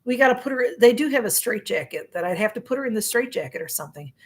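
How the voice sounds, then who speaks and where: A livestream host in her sixties talks quickly in a husky, fairly high, animated voice. She reads out viewer comments, wanders from topic to topic, laughs often, and fills her speech with fillers.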